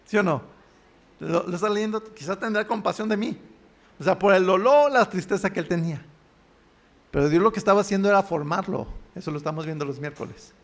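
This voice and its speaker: High-voiced Mexican pastor preaching. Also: male voice, a little fast. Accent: Mexican Spanish. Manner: asks the congregation questions and answers them himself. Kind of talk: sermon. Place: church.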